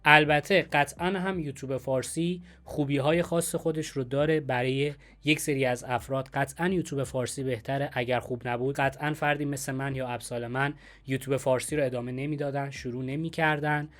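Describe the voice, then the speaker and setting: A man's voice: mid-range voice, steady tone, fairly bright tone. A man speaking as the host of a conversational interview.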